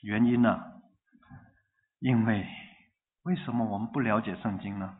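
A man's voice: on the low side, measured pace. Preaching man on a tinny line. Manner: lively, asks the congregation questions, repeats phrases rhythmically. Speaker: pastor. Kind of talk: sermon.

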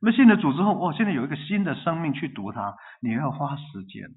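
A man preaching a sermon in a lively way, asking the congregation questions and repeating phrases in rhythm. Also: on the high side, fast. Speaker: pastor. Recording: tinny phone-like line.

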